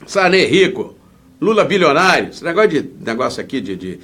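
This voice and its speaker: A man's voice: on the high side, sing-song, a little fast, a bit bright. A man with a Brazilian Portuguese accent speaking as a political candidate in an interview, in an indignant, emphatic, rambling way.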